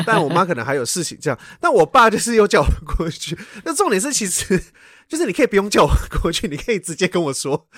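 A man's voice: high-pitched, big pitch swings, fast, a bit bright, dry recording, studio quality. A man, co-hosting a podcast and telling a story in casual chat, stumbling and repeating words when he gets worked up. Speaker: podcast co-host.

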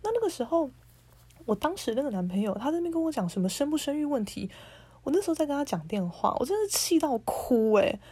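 A woman's voice: high-pitched, very animated, fast talker, mellow, no room sound. A woman, hosting a podcast as a casual monologue and ranting in an indignant, blunt, sarcastic way. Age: 30s. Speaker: podcast host.

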